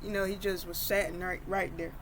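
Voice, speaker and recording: A woman's voice: fairly low pitch, little pitch movement, brisk, fairly bright tone, slight background noise. A woman telling a story casually, rambling along with many fillers and restarts.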